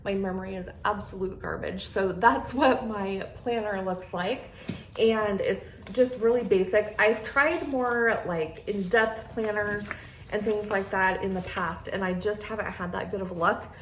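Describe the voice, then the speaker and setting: A woman's voice: mid-range voice, measured pace. A woman chatting casually to her viewers as a vlogger, with a slight lisp from wearing a retainer. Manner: friendly rambling chat addressed to viewers. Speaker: beauty vlogger and channel host. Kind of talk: casual chatty sit-down vlog. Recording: echoey room with clear background noise.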